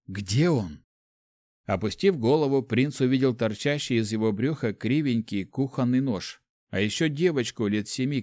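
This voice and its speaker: A man reading a fantasy novel aloud in a steady, measured storytelling voice. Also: mid-range voice, dry recording, clean studio sound. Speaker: audiobook narrator. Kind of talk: scripted narration.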